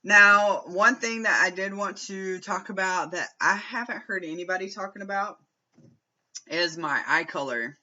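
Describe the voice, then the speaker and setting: A young man talks casually to his camera at home in a bright, sharp voice that sits a little high for a man. He rambles, restarts and clears his throat often. The audio is dull and lo-fi. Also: a little slow. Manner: rambling, frequent fillers and self-corrections, throat clearing. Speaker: vlogger.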